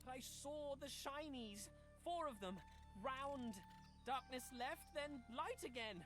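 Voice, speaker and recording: Very high-pitched excitable little squirrel. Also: female voice, slow pace, over music. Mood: wistful, simple. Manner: broken childlike phrasing, exclaiming sound words. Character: frantic, excitable little squirrel hoarding shiny things. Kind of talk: video game voice acting.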